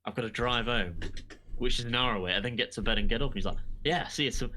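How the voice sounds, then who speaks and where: A man's voice: medium pitch, fairly even intonation, fast, bright, forceful tone, slight background noise. A young man on a podcast, telling a long anecdote in casual chat, swearing often and acting out what people said. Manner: sweary, rambling anecdotes with acted-out quotes. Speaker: podcast co-host.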